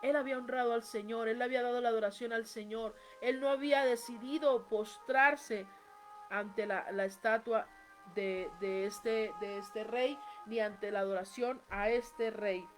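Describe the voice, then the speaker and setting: A woman's voice: fairly high pitch, steady tone, measured pace, faint music behind. A woman preaching a sermon, reading scripture aloud and building to emphatic rises.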